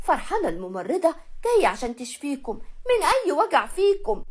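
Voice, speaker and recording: Lady putting on a loud cheeky egyptian village bride, high and quick, sing-songy. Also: huge pitch swings. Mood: playful. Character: brash young peasant bride, loud and teasing.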